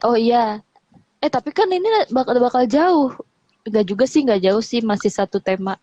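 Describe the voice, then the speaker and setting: A woman's voice: on the high side, normal speed, dark tone, dry recording. A young woman co-hosting a podcast in casual chat, rambling and correcting herself as she goes. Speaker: podcast co-host. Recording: muffled lo-fi sound.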